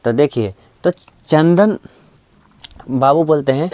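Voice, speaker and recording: A man's voice: fairly high pitch, slow, dark tone, dry recording. A man teaching a reasoning class in a classroom, coaxing the students along with frequent check-ins. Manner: coaxing, repeats "है ना" and "ठीक है". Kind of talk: classroom lecture. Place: classroom with students present, also streamed online.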